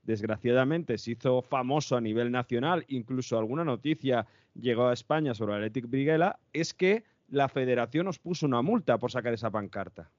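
A man's voice: mid-range voice, brisk, a little mellow, no echo, highs cut off. A man with an accent from Spain hosting an interview, conversationally explaining and summing up for listeners. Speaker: interviewer, show host.

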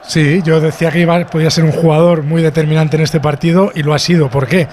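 A man analyses football quickly in a high voice. He is insistent, stacking short clauses, with faint noise behind him. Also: steady tone, darkish tone. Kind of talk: match analysis.

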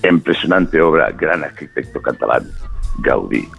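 A man's voice: rumbling low, very animated, normal speed, gravelly, a bit bright, breathy edge, soft background music, exaggerated voice. A man putting on a pompous foreign traveler. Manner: stiff broken speech reeling off lists of facts.

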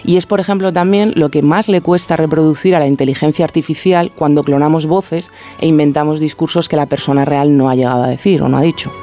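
A man's voice: a little high, fairly even intonation, fast, hardly any pauses, mellow, faint music behind. A man giving a didactic explanatory segment as a radio contributor, talking in carefully paced explanations. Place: radio studio.

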